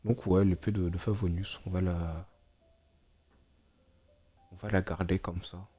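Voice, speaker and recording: A man's voice: low voice, flat delivery, unhurried, dark tone, slightly rough, soft background music. A man streaming a video game, muttering to himself in a hesitant, casual way and chatting with his viewers. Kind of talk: casual gameplay live-stream commentary.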